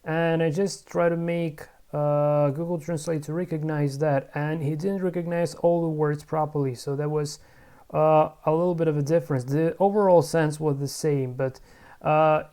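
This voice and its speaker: At medium pitch and normal speed, a language learner practices pronunciation in a casual vlog. They repeat words over and over, correct themself and mutter, with bursts of excitement.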